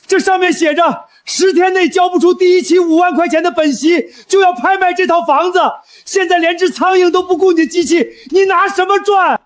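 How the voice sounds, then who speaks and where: A man's voice: very high voice, steady tone, brisk, few pauses. A man voicing a desperate elderly father who scolds and pleads with his son. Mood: distraught. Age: older. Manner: shouting, pleading. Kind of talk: drama voice acting.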